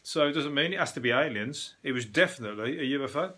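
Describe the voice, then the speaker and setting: A man chats on his own at home for his podcast, wandering from one thought to the next. His voice is bright and clear, and he jokes at his own expense and swears casually. His pitch sits mid-range for a man. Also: lively intonation, fast. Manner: rambling, self-deprecating, swears casually. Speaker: podcast host. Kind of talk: casual solo podcast chat.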